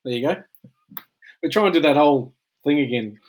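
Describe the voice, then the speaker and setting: A man's voice: fairly high pitch, lively intonation, brisk, low-quality recording. A tired middle-aged Australian man in casual chat, rambling through anecdotes and laughing at his own jokes.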